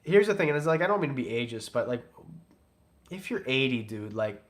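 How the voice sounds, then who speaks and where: A man's voice: mid-range voice, sing-song, a little fast. A young man hosting a casual reptile livestream, reading out donations and chatting in a loose, jokey, rambling way. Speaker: reptile breeder and channel host.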